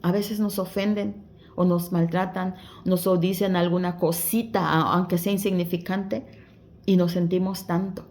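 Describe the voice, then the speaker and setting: A woman's voice: fairly low pitch, fairly even intonation, unhurried, darkish tone. A woman giving a devotional Bible explanation, exhorting her listeners as dear ones in simple, conversational preaching. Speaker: Bible study teacher.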